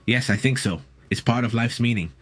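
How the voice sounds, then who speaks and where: A man's voice: mid-range voice, a little fast, a bit bright. A man co-hosting a live stream, chatting casually and rambling with many fillers while reading viewer comments aloud. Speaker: co-host of a live news stream.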